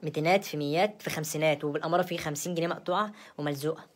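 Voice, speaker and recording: A woman's voice: low voice, very fast. A young woman with an Egyptian accent playing a brazen, spoiled young wife in a comedy sketch, rambling and stammering in a sassy way. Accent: Egyptian Arabic.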